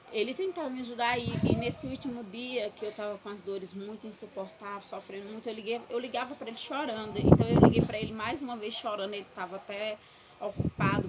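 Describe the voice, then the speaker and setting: Woman giving earnest testimony. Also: medium pitch. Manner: emotional, earnest, frequent "né?". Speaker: testimony speaker. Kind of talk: personal faith testimony. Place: her bedroom. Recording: loud background noise.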